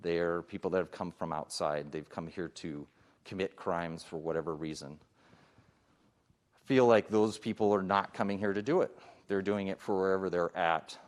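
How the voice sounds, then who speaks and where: Low-voiced police chief at a public forum. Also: male voice, normal speed. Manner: conversational, many fillers and restarts.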